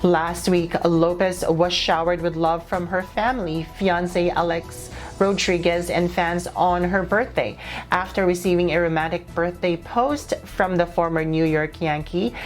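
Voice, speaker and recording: A woman reads entertainment news from a script in a slightly low voice while soft music plays underneath.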